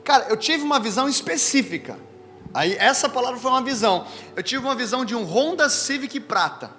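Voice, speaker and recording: Speaking very high and fairly quickly, this Brazilian pastor preaches to a live audience in a church hall with a Brazilian Portuguese accent. His sermon is full of personal anecdotes told with lively, conversational energy, aimed straight at the listeners. Faint music plays in the reverberant space.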